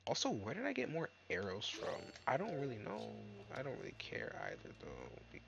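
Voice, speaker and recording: A man giving casual, jokey let's-play commentary, excitable and swearing, talking to himself and his viewers. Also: medium pitch, normal speed, vocal fry, noisy background. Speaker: gaming YouTuber. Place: dark room at home.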